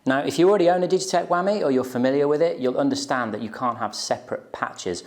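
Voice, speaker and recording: A guitar teacher in his thirties gives an informal, explanatory tutorial to camera, often checking in with the listener. His mid-range voice moves at a quick pace. He's recorded on a lapel mic in a small, plain indoor room.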